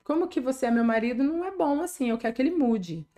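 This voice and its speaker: High-pitched and mellow, this woman talks fast with lively intonation. A middle-aged pastor from Brazil with a Brazilian Portuguese accent, she tells her personal testimony in an earnest, conversational way, frequently tagging questions onto her sentences.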